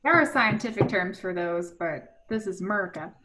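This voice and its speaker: A woman's voice: mid-range voice, lively intonation, normal speed, bright, forceful tone. A woman in casual chat on a video call, joking and rambling, laughing often. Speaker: robot team member.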